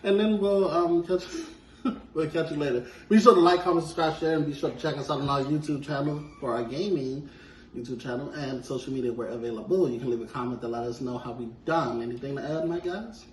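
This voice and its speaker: Man, vlog host, slightly high voice, casual group chat, roomy echo. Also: fairly quick, darkish tone. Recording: echoey room, distant mic, faint noise.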